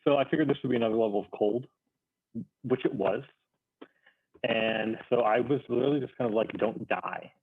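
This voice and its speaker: Halting, wry man on a muffled phone line. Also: medium pitch, slightly rough. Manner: halting, self-deprecating, wry. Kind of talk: casual anecdote among friends. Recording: thin phone-like call, muffled.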